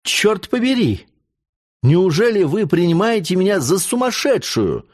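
A man's voice: fairly high pitch, animated, moderate pace, darkish tone, husky. A man reading aloud and voicing a passionate young noblewoman in a storybook, with an impassioned, slightly raised voice. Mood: indignant. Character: fiery young woman countess, frightened.

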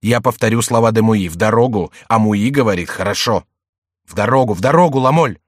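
A brash young nobleman speaks bluntly and impatiently in a lowish male voice, as read by a male narrator. The sound is close and dry, with no echo around it. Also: fairly quick, close to an everyday voice.

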